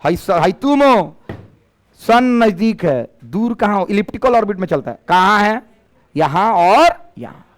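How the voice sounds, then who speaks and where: Lively teacher man, high voice. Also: a little slow. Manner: lively, questioning students, mixing in Bhojpuri phrases. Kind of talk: classroom physics lecture. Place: classroom.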